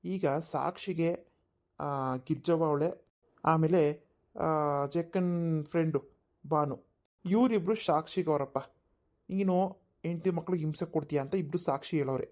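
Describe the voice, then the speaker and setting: A woman voicing a calm middle-aged male village council elder who presides in a measured way in a cartoon. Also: deep voice. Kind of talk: cartoon voice acting.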